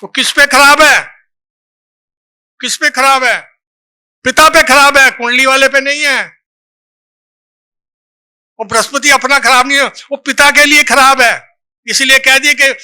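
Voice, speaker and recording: A man's voice: extremely high pitch, steady tone, unhurried, long pauses, bright, forceful tone, clear, resonant tone. A man giving a lecture to a live audience as a seminar speaker, reciting verse and quizzing listeners with short questions. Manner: recites lines of verse from a book.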